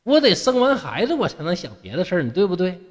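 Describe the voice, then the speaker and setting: A man's voice: high-pitched, huge pitch swings, fast, big-room sound, full character voice. A man voicing a carefree young male scholar who answers in easygoing, jokey colloquial retorts. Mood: playful.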